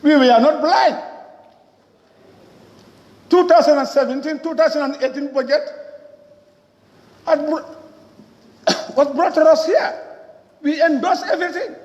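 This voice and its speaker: A woman's voice: high voice, slow pace, pauses often, a little mellow. A woman member of parliament with a Gambian accent gives an emphatic, rhetorical parliament speech, repeating phrases for weight. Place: large parliament chamber. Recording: echoey, reverberant hall, muffled.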